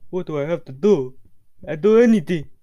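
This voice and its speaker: A man's voice: fairly high pitch, sing-song, slow, voice pushed up. A man voicing a desperate young hero who pleads in a raised, strained voice. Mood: eager.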